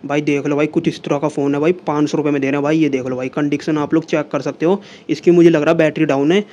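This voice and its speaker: The recording is muffled, but the young man's voice comes through a little high, warm, fast and fairly flat in pitch. He's casually vlogging to his phone camera in a small room and later at a seller's home, chatty and heavy on repeated filler words.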